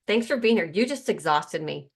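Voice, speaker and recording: A woman hosting a casual group video call, chatty and quick to introduce and connect people. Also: lowish voice, lively intonation, husky. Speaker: host.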